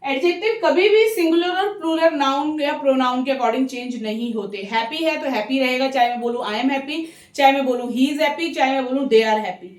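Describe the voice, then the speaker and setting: A high, light-voiced woman with an Indian accent gives a patient grammar lesson, walking through each rule step by step. She checks in with the listener often and slows right down on example words. The sound is roomy, with the mic set a little way off. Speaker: English grammar teacher. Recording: roomy, mic some distance away.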